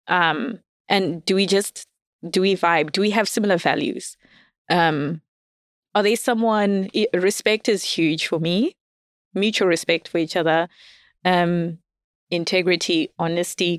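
On a podcast, a woman guest chats casually about dating, candid and self-deprecating, laughing often. Her voice is mid-range, and the studio sound is clean with no room tone.

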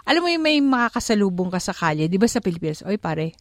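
A woman's voice: medium pitch, racing, no echo, studio quality. A middle-aged woman from the Philippines, hosting a casual radio chat with a laughing, storytelling manner. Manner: chatty, laughing, animated storytelling. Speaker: radio host. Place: radio studio.

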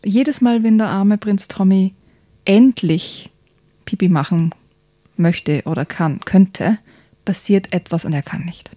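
A woman podcast host reading a children's story aloud in a soft, partly whispered way, then talking about the book. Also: medium pitch, slow pace, dry recording, studio quality.

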